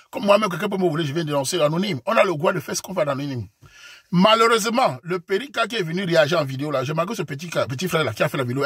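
A man's voice: a little high, fairly bright tone, slightly rough, no echo. A man from Cameroon with a Cameroonian French accent, scolding and lecturing his audience in a casual direct-to-camera rant. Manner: lecturing, admonishing, repetitive address. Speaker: online commentator.

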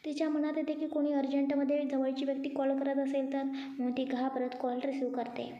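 A woman narrating a romance story in a steady, even manner. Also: high voice, brisk. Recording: dull echoey room.

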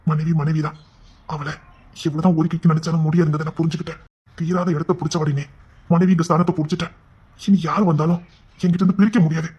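Husky, fast-talking husband John, played by a man. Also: fairly high pitch, muffled recording. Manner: fast, blustering, then soft and coaxing. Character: devoted, brash young husband John. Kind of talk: amateur Tamil audio drama.

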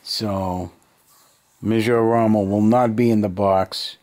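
A middle-aged American hobby vlogger putters around his cluttered basement hobby room, muttering to himself and chatting casually to camera in unscripted, short bursts of thinking aloud. His fairly low, darkish voice stays fairly even in intonation and takes things slowly, picked up by a handheld camera near arm's length.

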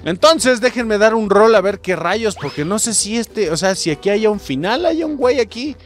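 A Mexican man doing let's play commentary, excitable, swearing and shouting at the game. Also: sits high, normal speed, faint music behind. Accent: Mexican Spanish. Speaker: gamer host.

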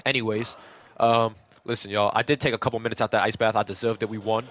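A young American man giving excited, casual gameplay commentary into a headset, full of slangy trash talk and swearing. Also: lowish voice, fast talker. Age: young adult. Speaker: gaming video host and player. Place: small indoor bathroom, sitting in an ice bath. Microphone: gaming headset.

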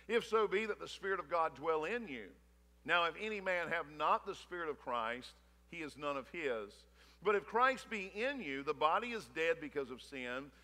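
A man's voice: fairly high pitch, bright, forceful tone. A man in his thirties, a pastor, reading scripture and then preaching a sermon on a church stage with rising energy. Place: large church stage with wood-slat wall. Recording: church hall reverb.

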